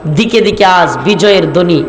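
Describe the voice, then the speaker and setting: A man from Bangladesh preaching a sermon, rhetorical and building to shouted emphasis. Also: high voice, normal speed. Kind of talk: Bengali waz sermon. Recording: echoey hall with faint noise.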